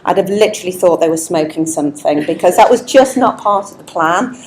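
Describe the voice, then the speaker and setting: A woman's voice: lowish voice, expressive, brisk, a little mellow, a little hiss or hum, poor audio. A woman from Leeds, a chief executive telling her career story in a chatty, self-deprecating way at an on-stage interview, speaking into a wireless mic. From Leeds, England. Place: indoor networking event. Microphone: wireless microphone.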